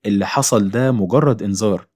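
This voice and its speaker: A brave young man in a horror tale, firm and resolved, as a man voices him. He speaks with an Egyptian Arabic accent and a quick, steady pace. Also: lowish voice, dry recording, clean studio sound, natural voice. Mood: determined.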